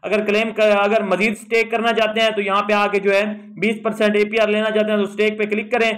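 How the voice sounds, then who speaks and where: A YouTube tutorial host with a high-pitched voice talks quickly through an app step by step in a screen walkthrough voice-over. His explaining tone is steady, but he pads nearly every phrase with the same habitual filler.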